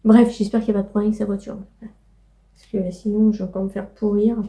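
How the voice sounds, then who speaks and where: A woman's voice: mid-range voice, level tone, brisk, dark tone. A young woman chatting casually in a home vlog, rambling with many fillers and cooing to her pets. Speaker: vlogger.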